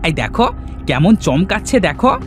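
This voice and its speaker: A man voicing an eager, sly male bandit henchman in a cartoon, with a lively, sing-song delivery. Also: high voice, normal speed, soft background music.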